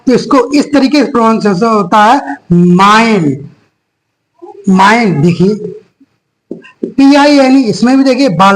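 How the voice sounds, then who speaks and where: A teacher giving a phonics lesson to young children, spelling words out letter by letter, asking a question and then answering it in a lower voice. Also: rough recording. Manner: slow, repetitive drilling, spells out letters one by one.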